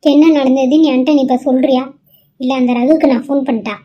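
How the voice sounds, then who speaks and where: A woman voicing a worried middle-aged mother in a cartoon, loud and demanding as she scolds her daughter. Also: high voice, fairly even intonation, fast, muffled recording, a little hiss or hum, close to an everyday voice. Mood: scolding. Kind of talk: cartoon voice acting.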